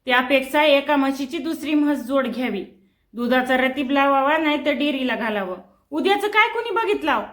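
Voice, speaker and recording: A short-tempered village father who sells vegetables at the market, as a woman reads him aloud in a storybook reading. He bellows his prices and barks at his family in a high, strained voice. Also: expressive, moderate pace, reverberant. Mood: heavy, brooding. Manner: loud market hawking and scolding.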